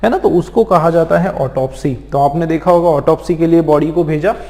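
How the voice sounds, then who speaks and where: A male vocabulary teacher from India lectures with patient, repetitive explanations, checking in with his students again and again. His voice sits somewhat high for a man. The recording carries a roomy echo with a long reverb tail. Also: dark tone. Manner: explains slowly with many repeated check-ins. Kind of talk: exam-prep lecture. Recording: echoey room with long reverb.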